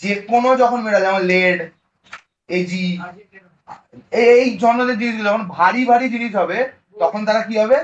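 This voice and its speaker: Male chemistry teacher, high voice, lively classroom explainer, dull lo-fi sound. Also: moderate pace, long pauses. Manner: lively, coaxing, keeps checking students understand. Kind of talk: classroom lecture.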